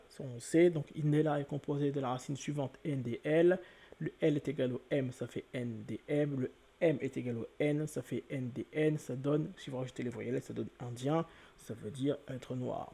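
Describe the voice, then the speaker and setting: Mellow-voiced man lecturing methodically. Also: medium pitch, slightly rough. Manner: methodical, repeats points with "hein" and "donc". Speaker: video lecturer on word origins. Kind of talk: explanatory lecture.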